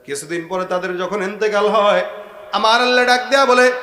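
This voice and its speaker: Roaring high bright-voiced male preacher. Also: a little fast. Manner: swings from thunderous shouting to low murmurs, questions the crowd. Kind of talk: roaring Bengali waz sermon. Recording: echoey hall with faint noise.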